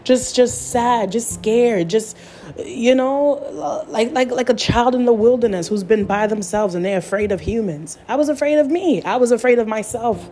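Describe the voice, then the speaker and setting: A woman's voice: on the high side, normal speed, mellow, soft background music. A young adult woman giving an earnest personal testimony as a spiritual speaker, repeating phrases for emphasis.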